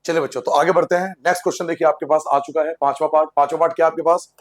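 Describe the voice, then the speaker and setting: High-voiced man teaching maths. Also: steady tone, rapid-fire. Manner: asks questions and answers them himself, repeats steps in a sing-song way; playful, jokes with the class. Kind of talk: blackboard maths lesson for school students.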